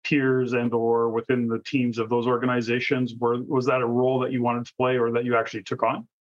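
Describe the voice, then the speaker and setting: A man hosts a conversational interview podcast, asking his guest long, rambling, discursive questions. His mid-range voice is monotone and a little fast, and the audio is dull and lo-fi.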